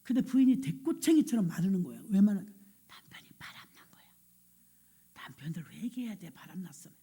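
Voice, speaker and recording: A middle-aged woman pastor telling a lively story in a sermon, acting out the people she quotes. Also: mid-range voice, a little fast, breathy edge. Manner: lively anecdotal storytelling, acts out quoted voices.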